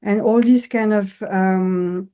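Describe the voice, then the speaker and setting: A woman's voice: mid-range voice, steady tone, slow pace, mellow, clear, resonant tone. A woman from Switzerland, an English speaker, answering interview questions as an architect and professor, hesitant with many fillers. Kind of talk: interview conversation.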